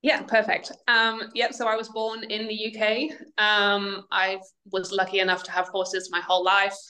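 A woman's voice: medium pitch, level tone, normal speed, sharp tone, low-quality recording. A woman, chatting as a guest on a podcast interview and laughing between remarks. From Wales. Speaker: guest equine nutrition specialist.

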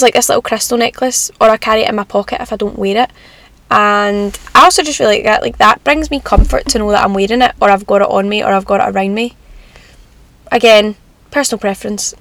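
A woman's voice: on the high side, fairly bright tone, dry recording. A young Scottish woman giving casual motivational advice in an upbeat, encouraging, chatty manner, like a self-help vlogger. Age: young adult.

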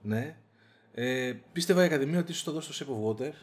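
A man co-hosting a podcast, talking casually, with lots of fillers and a slangy, animated manner. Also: a little high. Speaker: podcast co-host. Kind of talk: casual chat.

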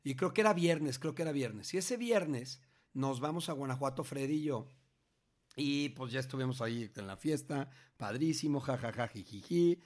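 A middle-aged man with a Mexican Spanish accent casually telling his grown child a story in a slangy, animated way, often restarting his sentences. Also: medium pitch, normal speed.

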